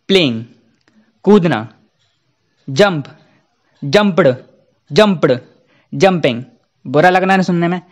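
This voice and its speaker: A young man teaching verb forms, repeating each form slowly and deliberately. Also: sits high. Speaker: English teacher. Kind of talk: Hindi-language English grammar lesson.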